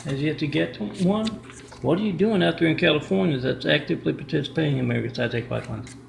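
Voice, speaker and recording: Speaking fast with vocal fry and a somewhat high pitch, this man vlogs to the camera in a rambling way, frequently starting over and reciting numbers and addresses. The camera-mic recording from his apartment kitchen area is poor, reverberant, and carries slight background noise.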